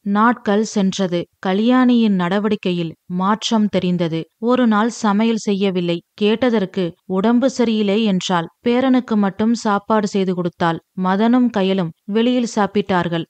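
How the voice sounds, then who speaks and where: A woman narrating a novel as an audiobook in steady storytelling. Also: medium pitch, a little slow, no room sound. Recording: dry, slightly dull lo-fi.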